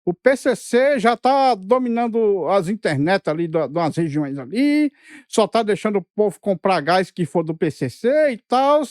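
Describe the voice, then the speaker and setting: Lively, sarcastic co-host voice. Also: medium pitch, a little slow, dry recording, studio quality. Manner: sarcastic, mocking asides. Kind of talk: political react commentary.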